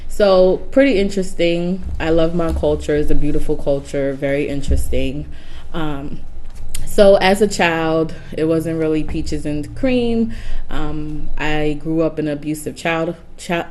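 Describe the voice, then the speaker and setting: A woman from New York City whose first language is Garifuna, telling her life story as an interview guest, softly and with frequent hesitations. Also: sits low, steady tone, measured pace, slight background noise. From New York City, raised partly in Honduras. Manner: soft-spoken, hesitant with many ums. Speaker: guest, caseworker.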